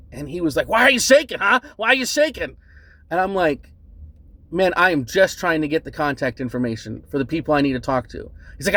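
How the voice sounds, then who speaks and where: A man's voice: a little high, no echo. Earnest man telling his story, dry sound. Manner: earnest, measured, repeats himself with "right?" and "um". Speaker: customer recounting an incident. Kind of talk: casual spoken account to camera.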